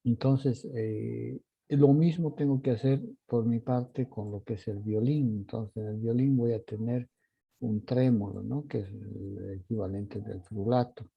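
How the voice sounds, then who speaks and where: A man's voice: mid-range voice, steady tone, a little slow, gravelly, breathy edge. A man teaching an orchestration workshop, singing out musical articulations in syllables as he explains them. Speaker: composition teacher. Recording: dull lo-fi recording.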